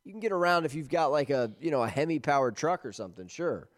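A man co-hosting a podcast, relaxed and chatty in casual banter. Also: on the high side, fast talker, dry recording. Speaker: podcast co-host. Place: lives in Winston-Salem area.

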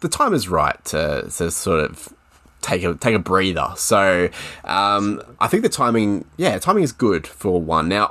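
A man's voice: deep voice, fairly bright tone. A man co-hosting a podcast, chatting casually and explaining at length, laughing often. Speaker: podcast co-host. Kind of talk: casual chat.

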